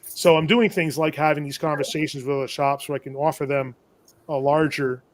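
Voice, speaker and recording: A man who owns a shop and sells tools to other shops tells a long business story on a live show, casual and rambling. He often corrects himself and chuckles at his own trouble. His voice is a little high, brisk, with fairly even intonation.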